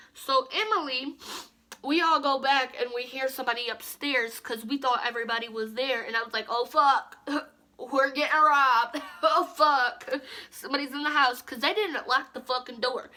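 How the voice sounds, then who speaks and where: High, bright-voiced young woman vlogger. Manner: profane, rambling storytelling. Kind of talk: casual storytime vlog. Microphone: phone.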